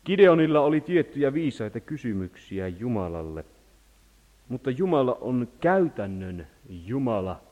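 A man preaching with dramatic swings, rising to loud pleading cries, then dropping to hushed, quiet tones. His voice sits at a middling pitch, and a long reverb trails each phrase through the church hall. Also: big pitch swings, narrow, tinny audio. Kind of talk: sermon.

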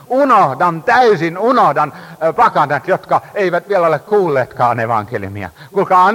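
Male preacher, fervent sermon delivery with hesitant "äh" fillers; lively, somewhat high voice; long reverb of a large hall. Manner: impassioned, rising and falling emphasis, frequent hesitations.

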